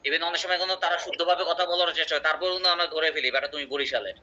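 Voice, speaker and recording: A man's voice: fairly high pitch, steady tone, very fast, pushed and bright. A man teaching an English class, explaining with examples and quizzing his students. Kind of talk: online class lecture. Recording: muffled lo-fi audio.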